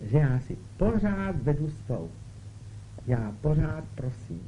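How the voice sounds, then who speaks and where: A man with a fairly high voice and big pitch swings preaches a spiritual talk, regularly checking in with listeners through short questions. The recording is dull and lo-fi with a faint hiss.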